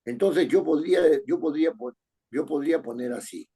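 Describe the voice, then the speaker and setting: Male writing teacher, husky and mellow, patient step-by-step explainer. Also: a little high, moderate pace. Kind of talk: online class lecture.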